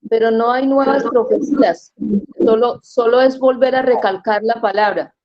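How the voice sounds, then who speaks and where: A woman's voice: on the high side, fairly even intonation, normal speed. Questioning woman student on dull call audio. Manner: questioning, seeks confirmation. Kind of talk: class discussion.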